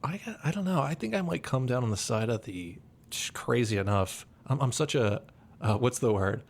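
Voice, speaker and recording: A man co-hosting a podcast, chatting casually and animatedly about movies, quick to joke and react. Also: mid-range voice, expressive, a little hiss or hum. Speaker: podcast co-host. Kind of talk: casual film discussion.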